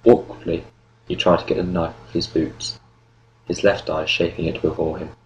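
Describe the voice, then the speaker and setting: A man reading an audiobook novel in steady, measured narration. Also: low-pitched, muffled recording. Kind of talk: scripted narration.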